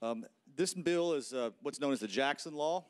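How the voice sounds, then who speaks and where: A councilman explaining his bill on the chamber floor in a measured way with some fillers, speaking into a handheld mic. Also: fairly high pitch, clear, resonant tone. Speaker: council member sponsoring a bill. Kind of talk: formal floor remarks.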